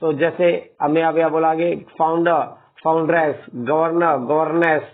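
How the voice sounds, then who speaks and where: A man with a fairly high voice teaches English grammar in a steady classroom lesson. He talks to his students as children and keeps adding a checking tag after the words. The sound is thin and phone-like. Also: unhurried.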